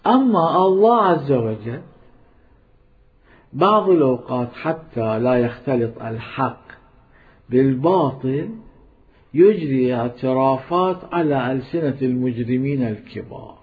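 A man giving a religious lecture, emphatic and repetitive, swinging between loud stress and hushed asides. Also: mid-range voice, lively intonation, unhurried. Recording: tinny phone-like lo-fi recording.

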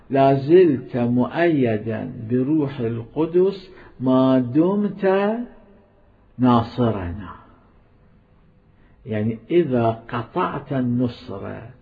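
Gravelly preacher on a tinny line. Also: male voice, mid-range voice. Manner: emphatic, swings between loud stress and hushed asides. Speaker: religious lecturer. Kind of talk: religious lecture. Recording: tinny phone-like lo-fi recording.

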